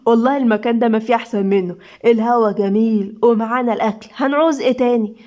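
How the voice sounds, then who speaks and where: A woman's voice: a little high, steady tone, quick pace, dark tone, lightly acted. A jokey young Egyptian husband, easy and teasing, as a woman storyteller puts him on. The voice stays close to her own. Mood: playful. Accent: Egyptian Arabic. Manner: teasing, joking. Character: young husband, playful and loving.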